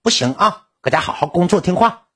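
A man plays a pushy young woman assistant who nags in a high, shrill voice. She repeats her slogans over and over. There is a husky roughness under the put-on pitch. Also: animated, brisk, fairly bright tone, heavily acted. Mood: scolding. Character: bossy young female assistant, nagging and pushy.

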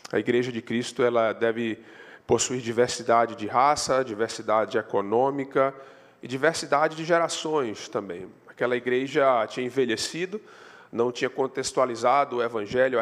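A Brazilian man preaching a sermon as a pastor, in storytelling style, his voice rising in pitch and force on the points he stresses. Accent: Brazilian Portuguese. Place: church sanctuary. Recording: long hall reverb.

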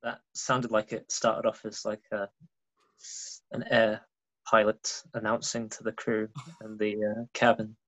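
A man's voice: fairly low pitch, monotone, measured pace, a bit bright, highs cut off. A man co-hosting a podcast, chatting casually with dry, teasing remarks. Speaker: podcast co-host.

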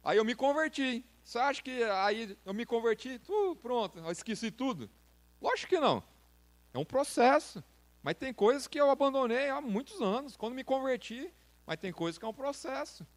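A man's voice: very high-pitched, expressive, normal speed. A man preaching to a youth service in a casual, slangy way, speaking straight to his listeners. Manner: informal, slangy, direct address to listeners. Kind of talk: sermon.

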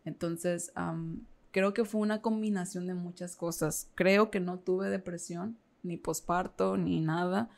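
Woman guest, raspy gravelly voice, telling her story openly, lots of "este" and "o sea". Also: lowish voice, steady tone, a little slow, hardly any pauses. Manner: candid, emotional storytelling with many fillers. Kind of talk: casual interview chat.

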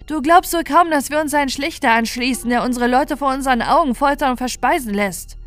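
Fierce defiant male elf lord, as a woman puts him on, shouting, high and loud, storybook horror. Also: lively intonation, normal speed, faint music behind. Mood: furious. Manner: shouting, heated.

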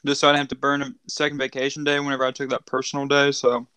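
A man chatting on a podcast, crude and quick to laugh, pausing to chew between lines. His voice sits at an ordinary pitch. The sound is dry and close, with no room in it. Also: monotone, bright, forceful tone, clean tone, dry recording, poor audio. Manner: crude, joking, laughs a lot. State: eating while talking. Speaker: podcast co-host. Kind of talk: casual chat.

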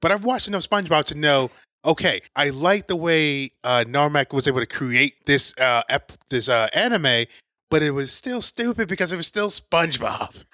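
A man's voice: fairly high pitch, normal speed, sharp tone, no room sound. A man co-hosting a podcast, chatting casually and arguing his point with playful restarts. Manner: opinionated, restarts often, playful. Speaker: podcast co-host. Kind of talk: casual chat.

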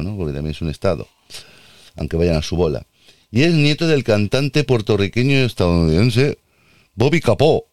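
A man's voice: low-pitched, darkish tone, dry recording, clean studio sound. A man hosting casual commentary on music videos, joking and rambling in asides. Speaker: host reacting to music videos.

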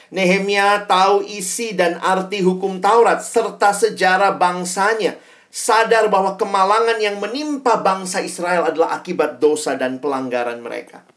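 Brief: young man preaching casually to students, animated with emphatic bursts, roomy sound, mic well off. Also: high voice, distant mic. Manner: conversational, acts out quotes, sudden loud emphasis. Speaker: youth preacher. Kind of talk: sermon to students.

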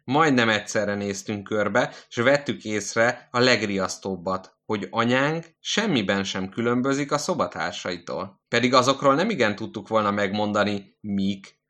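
A man narrating literary prose in a measured, deliberate reading. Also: on the low side, a bit bright.

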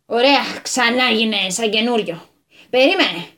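A woman's voice: on the high side, animated, pushed and bright. A woman voicing a hot-tempered, bossy male landowner who talks in a flustered rush in a radio story. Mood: fretful bossy.

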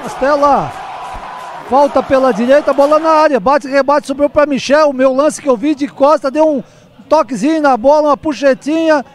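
A man's voice: very high voice, moderate pace, a little hiss or hum. A male commentator breathlessly recapping a goal during a live football broadcast. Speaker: match commentator. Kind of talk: excited goal replay commentary.

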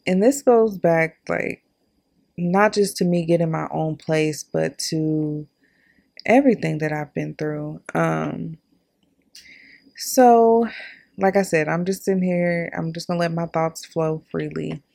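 A woman's voice: low-pitched, slow pace, gravelly, a little mellow. A young woman in her twenties hosting a podcast, telling her own story in a candid, chatty way and talking straight to her listeners. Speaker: podcast host. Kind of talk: casual personal storytelling.

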